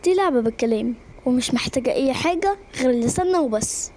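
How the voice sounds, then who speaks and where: A woman's voice: sits high, animated, fast talker, a little mellow. A woman doing a mysterious strange old man. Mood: calm, mysterious. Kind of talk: animated story voice acting.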